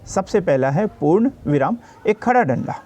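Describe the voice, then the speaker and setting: Man, grammar teacher, exam-prep lesson, mellow tone, patient, repeats definitions, checking questions. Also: high-pitched, very animated, normal speed.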